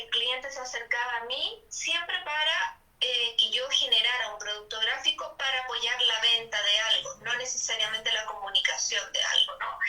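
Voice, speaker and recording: A woman's voice: a little high, bright, forceful tone. A young woman from Bolivia, a guest in a casual interview, talking reflectively in long flowing sentences with restarts. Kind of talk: casual conversation. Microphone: video call. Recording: echoey, distant phone line.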